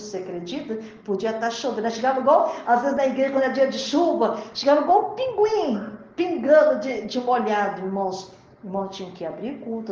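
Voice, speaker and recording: A woman's voice: medium pitch, darkish tone. A woman gives an emotional sermon with personal testimony, calling out to the brothers and sisters again and again. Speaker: preacher. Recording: echoey, muffled, slightly noisy recording.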